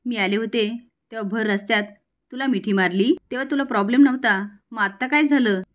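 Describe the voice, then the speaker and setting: A woman's voice: fairly high pitch, fairly quick, natural voice. A woman voicing a stubborn, obsessive young woman who answers back defiantly in a storybook retelling. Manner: insistent, defiant.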